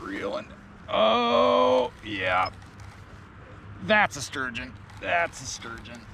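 Recorded on an action camera strapped to his chest, a fishing vlogger in his thirties narrates outdoors from a pontoon boat, explaining a bait rig in a slow, easygoing way until a bite gets him excited. His voice sits on the high side and is gravelly, with a bit of hiss or hum in the audio.

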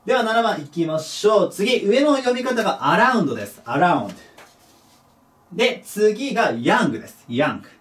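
A male teacher talks through a pronunciation lesson in a high, lively voice. His pitch rises and falls a lot, and he sinks to a low murmur when he repeats example words. The mic sits a little away from him. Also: fairly quick. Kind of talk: recorded English pronunciation lesson. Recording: voice a bit distant from the mic.

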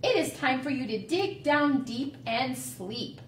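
Earnest little skunk in a storybook read-aloud , played by a woman; bright high voice, echoey room. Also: lively intonation, a little slow, a little hiss or hum. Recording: roomy, distant mic.

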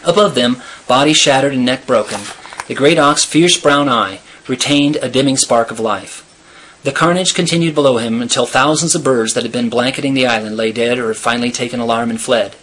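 Husky man reading a story aloud. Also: mid-range voice, rough recording. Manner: steady, measured storytelling. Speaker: reader.

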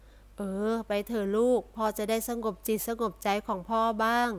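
Fields: woman reading as gruff older nobleman. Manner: grumbling, louder. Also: a little high, level tone, normal speed, close to an everyday voice. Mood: weary grumbling.

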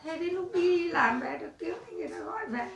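Female family member, high gravelly voice, meek and deferential, recorded far off in an echoey room full of chatter. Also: fast. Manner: deferential, agreeing. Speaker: family member consulting a medium. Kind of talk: séance conversation. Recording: echoey room, far mic, crowd noise. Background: crowd chatter.

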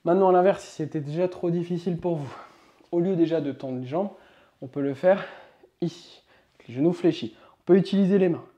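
A man teaching yoga, giving upbeat coaching and counting slowly through each movement as he demonstrates. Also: on the high side, warm tone, lo-fi sound. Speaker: yoga instructor. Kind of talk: instructional demonstration.

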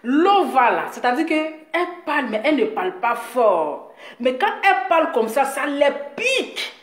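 A woman talking straight to her viewers in a boastful, mocking rant, teasing her critic with drawn-out words and frequent laughs. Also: high voice, big pitch swings. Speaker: video blogger addressing her audience. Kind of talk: boastful direct-to-camera rant. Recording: echoey room.

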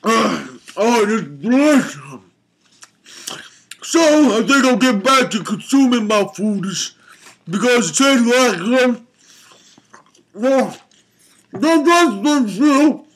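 A man with a very high voice hosts a comic game review. He drawls slowly, rambling and muttering between sudden angry outbursts. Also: expressive, fairly bright tone, husky. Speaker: comedy show host.

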